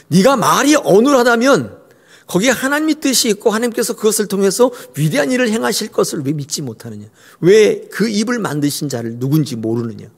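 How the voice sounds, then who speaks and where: A man's voice: fairly high pitch, creaky, breathy edge, in a large hall, exaggerated voice. A man voicing a stern deity who rebukes and demands faith.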